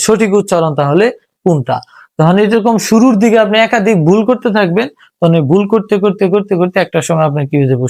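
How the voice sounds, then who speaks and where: A man with a fairly high voice teaches a reading lesson. He talks patiently, breaking words into syllables and repeating them. The sound is dry and close. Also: darkish tone, dry recording. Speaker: English teacher. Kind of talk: spoken lesson.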